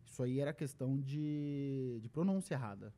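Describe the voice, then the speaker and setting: Animated Brazilian man with a mellow voice. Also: mid-range voice, moderate pace. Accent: Brazilian Portuguese. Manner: animated storyteller who acts out quoted lines. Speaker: podcast guest. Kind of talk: casual podcast conversation.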